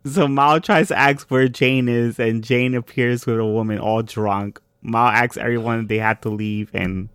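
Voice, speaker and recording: A man's voice: medium pitch, steady tone, unhurried, few pauses, fairly bright tone, clear, resonant tone, no echo, clean studio sound. A man co-hosting a casual episode recap, summarizing scenes and laughing often. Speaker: podcast co-host.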